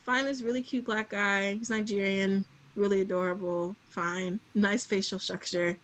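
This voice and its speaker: A woman's voice: medium pitch, moderate pace. A young adult woman from the United States, a podcast guest telling a casual story in frank slang and acting out the lines of the people in it. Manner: animated, acts out quoted dialogue, slangy and frank.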